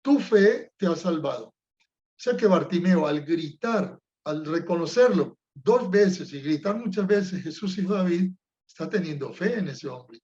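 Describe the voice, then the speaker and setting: A man's voice: fairly high pitch, animated, measured pace, darkish tone, lo-fi sound. A man teaching personal prayer over a video call, reflecting aloud and acting out a blind man's cries for mercy. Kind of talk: teaching lesson on Lectio Divina.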